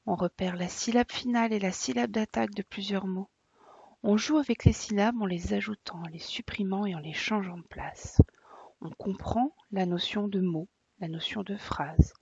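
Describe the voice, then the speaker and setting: A woman teacher calmly explaining to parents, in a soft, partly whispered way. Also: mid-range voice, normal speed, vocal fry, slightly rough, no room sound. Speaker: preschool teacher. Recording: dull lo-fi dry sound.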